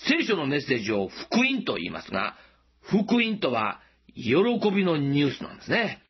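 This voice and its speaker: A man preaching a sermon as pastor, gently asking listeners questions and slowing down for emphasis, in a dull lo-fi recording. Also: mid-range voice, wildly swooping pitch, vocal fry, husky.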